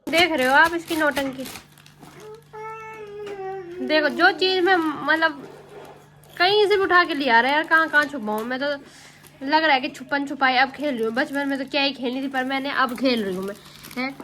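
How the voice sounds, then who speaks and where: A woman's voice: sits high, moderate pace, long pauses, sharp tone. A young woman, a mother vlogging at home, who chats to her viewers and coos at her baby in doting baby-talk. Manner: chatty asides to viewers. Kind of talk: casual home vlog.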